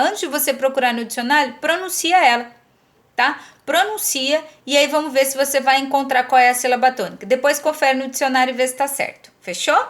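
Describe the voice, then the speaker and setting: A Brazilian woman with a high, bright voice teaches a lesson at an unhurried pace. She explains each step patiently and keeps checking in with the listener as she goes. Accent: Brazilian Portuguese. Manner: patient, repeats "tá?" to check understanding. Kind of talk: recorded classroom lesson.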